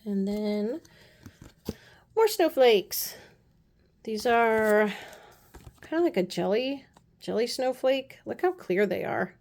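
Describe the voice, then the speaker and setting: A woman casually chatting through a nail art haul, gushing and often dropping her voice to soft low asides. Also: animated, slow, long pauses. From United States. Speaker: beauty vlogger. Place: apartment room.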